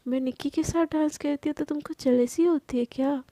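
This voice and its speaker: A woman's voice: high voice, brisk, dark tone, dry recording, lightly acted. A woman voicing a playful, confident young woman in a spoken love story, teasing and coaxing.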